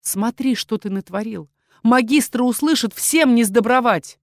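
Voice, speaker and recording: A woman's voice: on the high side, moderate pace, no echo, pitched above the performer's own voice, close to an everyday voice. An anxious young man urgently pleads with his raging brother to stop, as a woman narrator voices him. His voice sounds dry and near. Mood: urgent pleading.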